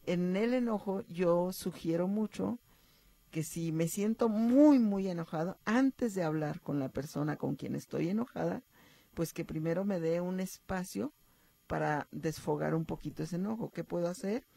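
A woman psychologist, calmly explaining emotions as a radio guest. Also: on the low side, normal speed, vocal fry, no room sound. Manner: explanatory, calm, uses fillers like "este". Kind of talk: advice talk on radio.

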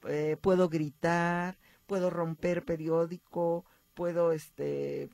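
A woman's voice: fairly low pitch, slow pace, gravelly, dry recording. Radio guest, woman psychologist, dry close sound, explanatory. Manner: explanatory, calm, uses fillers like "este". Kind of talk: advice talk on radio.

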